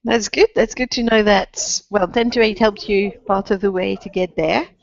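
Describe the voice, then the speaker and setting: A woman's voice: mid-range voice, fairly even intonation, normal speed, vocal fry, no room sound. A woman interviewing a business customer, asking brief, friendly questions. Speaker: interviewer from the booking company. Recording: dull lo-fi sound.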